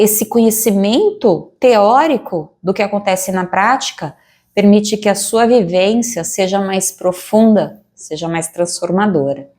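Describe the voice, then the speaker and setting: A woman giving a calm, measured recorded lesson as a yoga teacher, with careful pronunciation. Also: mid-range voice.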